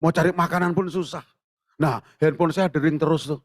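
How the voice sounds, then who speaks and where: A man preaching a sermon in church, telling stories with animated acted-out dialogue and jokes for the congregation. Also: a little high, a little fast, dry recording, studio quality. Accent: Indonesian. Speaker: pastor. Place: church sanctuary.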